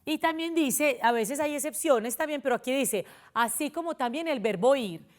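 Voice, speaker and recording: A woman's voice: high voice, animated, normal speed. Colombian woman teaching children patiently. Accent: Colombian Spanish. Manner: patient and explanatory, addresses children with questions. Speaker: primary school teacher. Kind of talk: televised spelling lesson for children.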